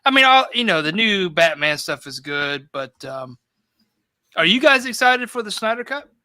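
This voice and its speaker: A man's voice: high voice, big pitch swings, normal speed, bright, forceful tone, dry recording. A man chatting casually on a live video call, laid-back and opinionated. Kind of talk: casual chat.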